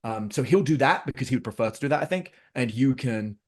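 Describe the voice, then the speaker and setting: Here a podcast guest, a middle-aged man, tells stories about his family conversationally. His medium-pitched voice is expressive and a bit breathy, he talks quickly, and he animatedly voices himself and his children.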